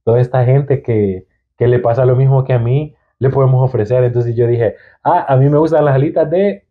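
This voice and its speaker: A young Salvadoran entrepreneur with a Salvadoran accent chats casually as a podcast guest, restarting his sentences hesitantly. His medium-pitched voice moves briskly, and the audio sounds tinny, like a phone.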